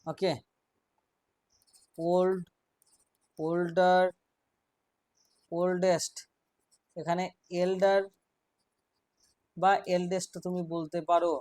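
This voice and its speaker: A man teaching an English grammar class, explaining rules step by step, quizzing his students and reading example sentences out slowly. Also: high voice, level tone, darkish tone, dry recording.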